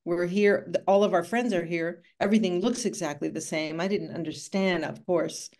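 A woman's voice: on the low side, fairly even intonation, moderate pace, darkish tone. A woman in her sixties, born in Cuba, telling her story at length as an author in a video call interview, thoughtful and full of asides. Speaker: author and art conservator. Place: home room with bookshelves.

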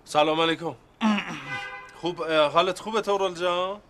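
A high, bright male voice of a man playing a fawning office clerk in a sitcom. He gets flustered and stammers when pressed, eager to please. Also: fairly even intonation, slight background noise, natural voice. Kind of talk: sitcom acting.

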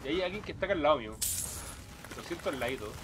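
A man's voice: fairly high pitch, expressive, rapid-fire. A man, congested, giving casual commentary as he plays a game and exclaims at the scares. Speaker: gameplay host. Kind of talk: casual let's-play commentary. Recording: loud background noise, game sounds.

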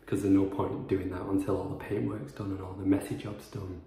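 A young man in his twenties, low-pitched and warm, delivers his words flatly and fairly quickly. He's a property renovation vlogger giving a rambling, chatty house tour loaded with fillers in an empty house under renovation, shot indoors on a phone camera that goes from handheld to propped up. The recording echoes in bare rooms and has a little hiss or hum.

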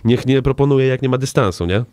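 A man's voice: medium pitch, a little fast, darkish tone, smooth. A middle-aged man, a stand-up comedian, chatting loosely in an interview, swearing often and leaning on "you know" fillers. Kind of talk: casual interview chat.

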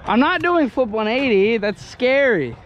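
Young male vlogger, casual and excitable, action-camera mic at an outdoor skatepark with heavy background noise. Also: very high voice, unhurried. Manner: excitable, swears, laughs at himself. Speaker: scooter rider filming himself. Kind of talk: casual self-filmed vlog commentary. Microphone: action camera on handlebars. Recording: noisy outdoor camera audio.

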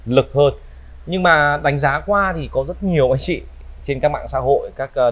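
A man in his thirties with a northern Vietnamese accent gives an unscripted used-car sales walkaround in smooth, polite, repetitive patter. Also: mid-range voice, a bit bright. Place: large indoor car showroom. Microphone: clip-on lapel mic.

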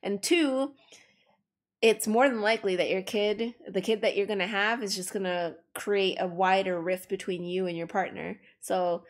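A woman's voice: mid-range voice, fairly even intonation, normal speed. A young adult woman streaming while she draws, chatting frankly and casually, swearing freely and laughing often. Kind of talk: casual chat while drawing.

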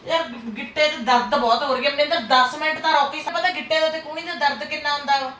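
A woman chatting in a family vlog, complaining loudly and dramatically with wailing like an aggrieved aunty. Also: high-pitched, fairly even intonation, fast. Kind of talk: casual family chat in a vlog. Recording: echoey room with background noise.

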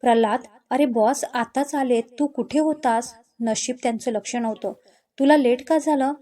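A woman voicing a lively young woman office worker in a told love story, in her own everyday voice. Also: high-pitched, normal speed. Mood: anxious. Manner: pleading then sharp when crossed.

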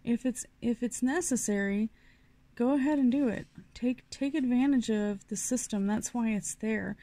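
A middle-aged woman from New Mexico gives a casual tarot reading, her voice gravelly and mellow. She rambles a bit, with fillers and restarts, and the sound is dry and close. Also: on the high side, normal speed, no room sound. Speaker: tarot reader.

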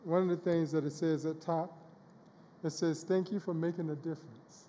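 A woman presents a certificate onstage, speaking warmly and off the cuff. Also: low voice, fairly even intonation, normal speed, big-room sound, slight background noise. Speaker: event presenter giving an award. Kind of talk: award presentation.

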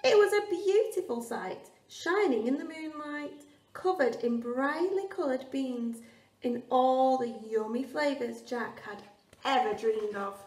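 A woman primary teacher reading a storybook aloud to children with lively emphasis. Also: high-pitched, measured pace, distant mic. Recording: roomy echo, off-mic.

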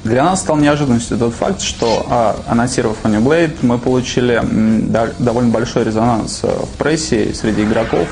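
Hesitant young man, mid-pitched, interview. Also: a little mellow, faint music behind, low-quality recording. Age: young adult. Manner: hesitant, measured phrases. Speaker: PR manager interviewed. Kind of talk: interview answers. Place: dark studio.

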